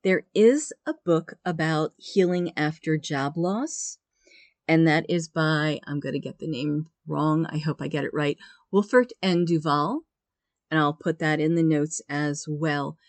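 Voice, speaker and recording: A woman's voice: deep voice, measured pace, dry recording. A woman hosting a podcast, talking in an earnest, encouraging way. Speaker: podcast host. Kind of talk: motivational podcast talk.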